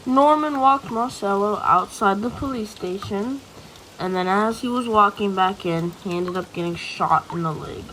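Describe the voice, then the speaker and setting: A woman with a mid-range voice speaks at normal speed, delivering scripted narration as a detective's partner in an amateur radio play. The recording has some noise and clicks.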